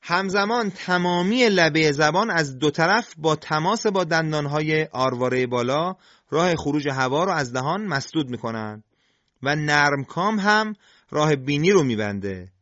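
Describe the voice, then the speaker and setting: Slightly high-voiced man teaching pronunciation. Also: expressive, a bit bright, no echo, dull audio. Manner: slow, deliberate, demonstrates sounds. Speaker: Quran recitation teacher. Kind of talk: scripted instructional lesson on tajweed.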